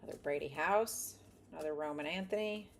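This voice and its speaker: A woman's voice: low voice, brisk, vocal fry, a little hiss or hum. A woman chatting casually while she sorts and sleeves trading cards, reading off a list of names. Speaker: card collector opening packs. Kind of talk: casual running commentary while sorting cards.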